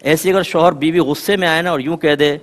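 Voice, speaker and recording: A man speaking as a religious scholar on a TV panel, telling folksy examples in a lively way. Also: fairly high pitch, in a large hall. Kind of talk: televised religious talk.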